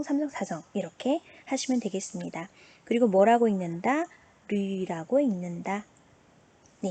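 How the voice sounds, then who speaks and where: A woman's voice: mid-range voice, dark tone. A woman teaching an online language lesson, patiently asking questions and answering them herself. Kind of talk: online classroom lecture.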